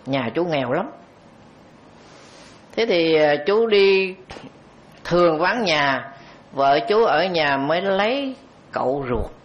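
A Buddhist monk tells a story during a dharma talk, his voice sitting a little high for a man. He talks conversationally and turns to the audience directly. The recording is dull and lo-fi. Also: expressive, takes it slowly, long pauses.

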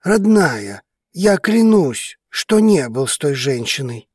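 A devoted male dragon lover with a low, husky voice that swings widely in tone, played by a woman narrator. He speaks slowly and softly, almost pleading, in a close, dry sound. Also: big pitch swings, no echo, exaggerated voice. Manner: low, slow, hushed and pleading. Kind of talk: audiobook character reading.

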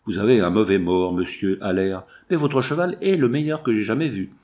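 A man voicing a calm young male healer who speaks in a measured, reassuring way. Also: lowish voice, close to an everyday voice.

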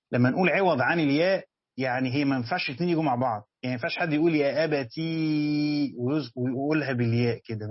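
A man's voice: medium pitch, slightly rough, lo-fi sound. A man with an Egyptian accent teaching Quran commentary in a classroom lecture, repeating key phrases and putting questions to his students. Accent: Egyptian Arabic.

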